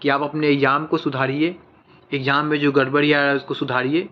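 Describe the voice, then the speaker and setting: A man's voice: a little high, flat delivery, a little fast, dull audio. A man giving casual, earnest news commentary, speaking straight to his viewers as friends.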